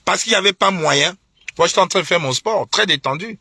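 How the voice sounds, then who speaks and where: A man's voice: high-pitched, brisk, pushed and bright, slightly rough, no room sound, clean studio sound. A young man from Cameroon, ranting on a live stream with indignant, repetitive, mocking talk and scornful laughs. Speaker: online political commentator. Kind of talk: heated live-stream rant.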